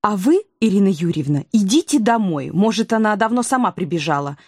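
A woman reading an audiobook with expressive, lively delivery. Her voice is mid-pitched and the recording is dry and close. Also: fairly quick, slightly rough, no echo. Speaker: audiobook narrator. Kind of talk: audiobook narration and character reading.

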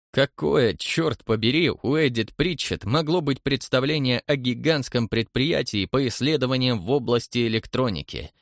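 Lively male audiobook narrator. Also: mid-range voice, no echo, studio quality. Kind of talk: expressive audiobook reading.

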